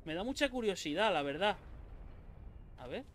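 A man from Spain with a Spanish accent, commentating his own gameplay in an excitable, swearing, talk-to-himself way. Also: sits high, normal speed, slight background noise. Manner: excitable, swears a lot, talks to himself and viewers. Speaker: gaming YouTuber.

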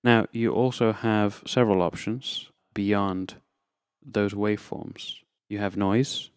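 Loud music plays behind a man talking slowly and steadily in a lowish voice. He's presenting an off-the-cuff tutorial, explaining things one step at a time in an informal demo.

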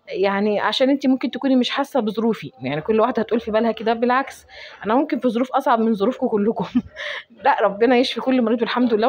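A young woman with an Egyptian accent talks very quickly in a slightly high voice as she cooks and gives heartfelt advice. The sound is a little dull and lo-fi. She is recorded in her home kitchen. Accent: Egyptian Arabic. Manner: rapid, chatty, giving heartfelt advice. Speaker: cooking vlogger. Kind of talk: casual chat while cooking.

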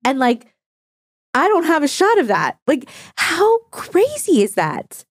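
A young woman co-hosting a podcast in casual chat, animated and chatty, filling with "like" and swearing casually. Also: high voice, takes it slowly, dry recording, clean studio sound. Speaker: podcast co-host.

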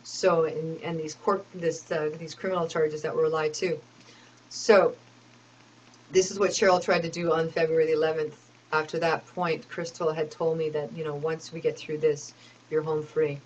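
Woman, lowish voice, aggrieved rambling account, lots of ums and restarts. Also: flat delivery, moderate pace, a little mellow, slight background noise, rough recording. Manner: aggrieved, talks in long run-on complaints with many fillers. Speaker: personal storyteller.

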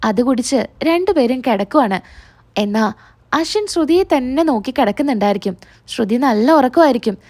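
A woman retells a TV serial episode in a chatty, storytelling way. Her voice is high and light. She talks like a regular reviewer of the show. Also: animated, fairly quick, darkish tone.

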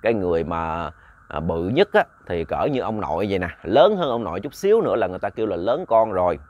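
A man voicing a gentle grandfather in his sixties who talks slowly and soothingly to his grandchild in a told ghost story. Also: sing-song, dull audio. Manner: slow, soothing and low. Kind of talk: storytelling with voiced characters.

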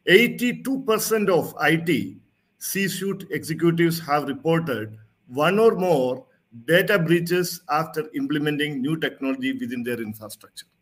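Guy doing a formal keynote over a video call, slightly high voice, reads his slides steady and measured. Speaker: keynote speaker. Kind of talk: prepared conference keynote. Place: home or office, seen on video call. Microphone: video call webcam mic.

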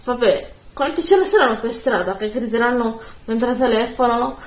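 Lady chatting into her phone at home, quiet voice, rambles and restarts, a bit high. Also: moderate pace, echoey room. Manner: rambling, soft-spoken, self-correcting. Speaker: beauty vlogger. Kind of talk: casual vlog chat. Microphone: phone camera.

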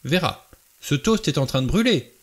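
A man's voice: medium pitch, lively intonation, fairly quick, a bit bright, pitched above the performer's own voice, close to an everyday voice. A man voicing a prim, disapproving older spinster in an audiobook reading. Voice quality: stiff, disapproving. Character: prim, stern older spinster Emily Brent.

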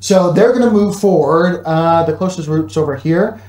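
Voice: medium pitch, moderate pace, a little mellow. A game master running a tabletop session in a casual, jokey way, laughing often as they narrate the action. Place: room with players around a table. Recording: echoey room.

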